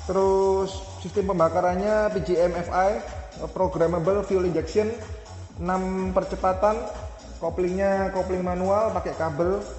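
A man's voice: high-pitched, steady tone, a little slow, darkish tone, reverberant, long reverb tail, faint music behind. A man casually showing off a motorcycle, listing its features and specs in a chatty way with fillers and self-corrections. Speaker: motovlogger reviewing a motorcycle. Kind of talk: casual product walkaround.

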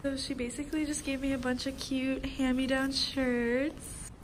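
Bubbly young sorority girl, high voice. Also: moderate pace. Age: young adult. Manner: bubbly, excitable college sorority girl, slangy. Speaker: vlogger, sorority member. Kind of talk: casual vlog chat. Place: campus patio, halls and bedroom. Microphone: phone at arm's length. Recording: noisy phone recording, background room noise.

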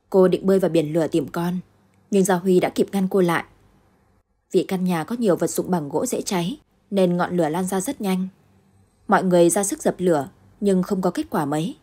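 A woman narrating a late-night short story in a steady, measured reading voice. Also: fairly low pitch, breathy edge.

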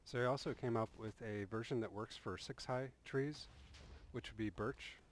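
Speaking in a mid-range voice at normal speed, a man narrates a relaxed voice-over about a game build for his tutorial. He rambles a little, with many restarts and filler "uh"s.

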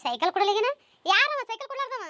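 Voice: very high-pitched, very animated, racing, heavy background noise. A voice performer who plays every member of a village family in a comic cartoon, scolding, nagging and whining. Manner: scolding, nagging village chatter with crying whines.

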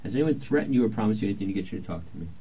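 Deep-voiced male detective on interrogation tape. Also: expressive, rapid-fire, warm tone, husky. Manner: polite, procedural and reassuring. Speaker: police detective. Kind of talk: police interrogation, reading rights and questioning. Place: police interview room. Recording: muffled lo-fi interview-room recording with faint hiss.

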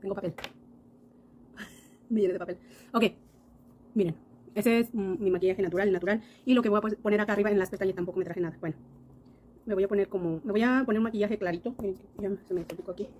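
Fast-talking woman vlogger. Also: mid-range voice, steady tone, a little hiss or hum, rough recording. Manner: chatty, addresses viewers warmly with diminutives. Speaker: makeup vlogger. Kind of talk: casual makeup tutorial.

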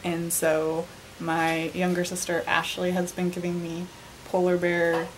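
A woman's voice: on the low side, completely flat delivery, unhurried, a little hiss or hum, rough recording. A young woman in her twenties chatting casually to a handheld camera in her bedroom, with plenty of "like" and "um". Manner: chatty, filler-heavy. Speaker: vlogger. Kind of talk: casual vlog chat. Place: bedroom at home. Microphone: handheld camera at arm's length.

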